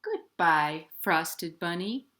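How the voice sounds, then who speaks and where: A woman hosts a children's storytime at home, reading playfully in sing-song rhymes and speaking straight to young children as a children's librarian. Her voice is on the low side and a bit bright, animated, with drawn-out words.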